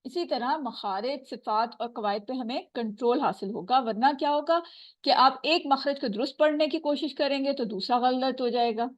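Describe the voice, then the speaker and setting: A woman teaching Quran recitation, patiently explaining and slowly repeating sounds to demonstrate them. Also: sits high, no room sound. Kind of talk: tajweed lesson.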